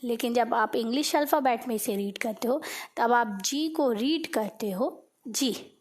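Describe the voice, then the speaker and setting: High-voiced, slow, patient woman tutor. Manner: patient, checks in with 'okay' after each point, spells letters out slowly. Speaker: English tutor. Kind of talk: explaining a phonics lesson.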